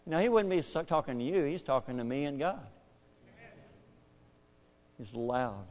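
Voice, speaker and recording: Older male preacher, lively storyteller, loud swells and quiet drops, reverberant church hall. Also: a little slow. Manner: animated, swings from hushed to booming. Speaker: pastor. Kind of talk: storytelling sermon.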